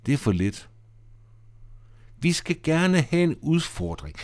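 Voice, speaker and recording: A man's voice: a little high, very animated, pitched above the performer's own voice. A man reading aloud as a bossy, know-it-all girl who lays down the rules. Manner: bossy and explaining.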